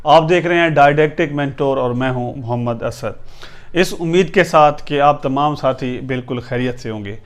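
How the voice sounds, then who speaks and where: Pakistani-accented male tutor, slightly higher voice, drills words slowly and patiently. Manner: slow and repetitive, drilling each word. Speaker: English pronunciation teacher. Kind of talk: spelling out words letter by letter and repeating them.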